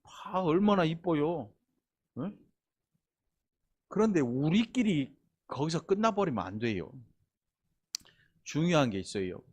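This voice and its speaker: A man's voice: a little high, big pitch swings, measured pace, pauses often, darkish tone, breathy edge. A male pastor delivers a sermon in a folksy, playful way. He keeps stopping to quiz and tease the people in the pews. He sounds middle-aged. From Honam region of Korea. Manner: folksy, teasing the congregation with asides and questions.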